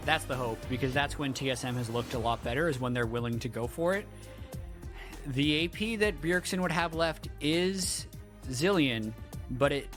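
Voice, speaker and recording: A man giving casual, analytical color commentary on a competitive video game. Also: medium pitch. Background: music.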